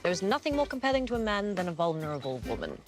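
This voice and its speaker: Woman doing a posh british con lady, cool and teachy, low voice, film music behind. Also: sing-song, racing. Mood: cool instructive. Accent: British, put on. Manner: crisp, coaching, composed. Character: poised British female con artist, coolly instructive. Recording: film clip with music underneath.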